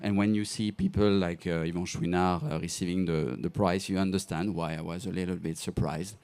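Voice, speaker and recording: A man giving a hesitant award ceremony speech, pausing often with fillers before announcing a winner. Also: low-pitched, fairly even intonation, darkish tone, smooth. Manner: hesitant, halting with many fillers. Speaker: award presenter.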